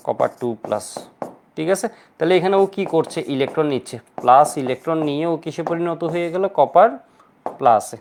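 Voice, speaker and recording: In an online chemistry lecture, the male teacher works through self-posed questions and drops English terms into his explanation. He has a fairly high, somewhat mellow voice, with a little background noise.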